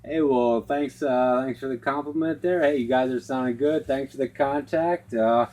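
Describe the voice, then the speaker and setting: A man's voice: mid-range voice, moderate pace, darkish tone. A man speaking in trucker CB radio style, with clipped call-and-response lingo, heard over a two-way radio. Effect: two-way radio transmission. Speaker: CB radio operator. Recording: noisy CB radio transmission.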